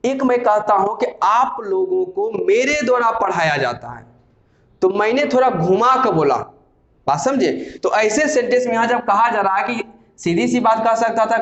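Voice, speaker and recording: A man teaching English grammar in Hindi, explaining step by step and asking and answering his own questions, reading English sentences out slowly. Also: high-pitched. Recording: echoey room, slightly dull sound.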